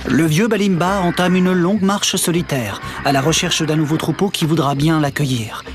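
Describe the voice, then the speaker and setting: An actor playing an earnest nature documentary narrator, with a solemn, measured storytelling delivery. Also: male voice, on the high side, music in the background, lightly acted. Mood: solemn, dramatic.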